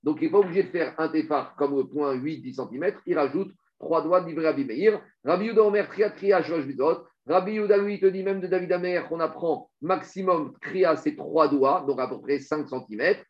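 A man teaching a Talmud lesson, explaining rapidly and animatedly while reading out Hebrew and Aramaic passages. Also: fairly high pitch. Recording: dull lo-fi recording.

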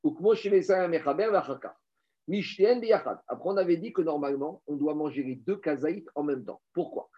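A man's voice: fairly high pitch, a little fast. A man teaching a Torah lesson in French mixed with Hebrew terms, asking rhetorical questions and explaining step by step. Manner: lively, rhetorical questions, addresses listeners as Rabotai. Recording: dull lo-fi recording.

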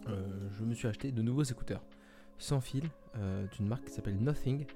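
A man's voice: on the low side, brisk, warm tone, soft background music. A man hosting a casual solo podcast episode, talking hesitantly with many fillers and restarts. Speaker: podcast host.

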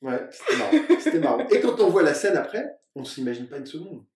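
A man from France, an actor, telling lively anecdotes in casual conversation and acting out other people's lines. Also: a little high, fairly quick. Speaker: actor and guest. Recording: roomy sound from a distant mic.

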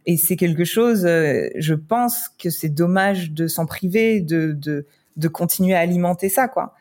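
A woman's voice: fairly low pitch, unhurried, a little mellow. A woman from France, a wedding photographer, chatting casually in a podcast interview with lots of fillers and laughter.

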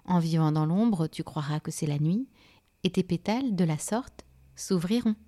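A woman voicing a big, kindly male oak tree in a children's storybook, slow and helpful. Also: fairly low pitch, warm tone, natural voice.

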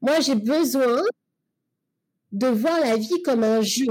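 A woman's voice: fairly high pitch, takes it slowly, darkish tone. A woman in casual podcast conversation, talking in a reflective, coaching way with many fillers and restarts.

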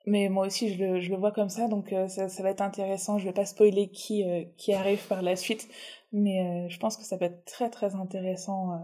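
A woman's voice: mid-range voice, little pitch movement, brisk, mellow. A woman hosting an interview podcast, talking thoughtfully and reassuringly. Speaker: podcast host. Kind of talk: reflective interview conversation.

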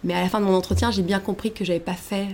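A woman in her thirties, a guest telling her career story in a casual interview, animated, with many fillers and restarts. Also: medium pitch, racing, creaky.

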